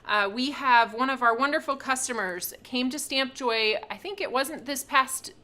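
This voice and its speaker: A chatty woman hosts a live craft reveal, walking viewers through each item in an upbeat way. Her voice sits a bit high and sounds very bright, and she laughs easily. She is close to the mic. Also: moderate pace. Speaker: craft shop host.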